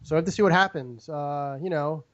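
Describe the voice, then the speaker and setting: A man's voice: fairly high pitch, a little fast, highs cut off. A man hosting a casual football picks show, rambling through his analysis with many fillers. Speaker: sports picks show host.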